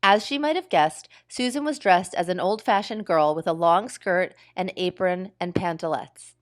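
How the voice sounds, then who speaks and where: A woman teacher reading a children's book aloud with expressive storytelling. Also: lowish voice, moderate pace.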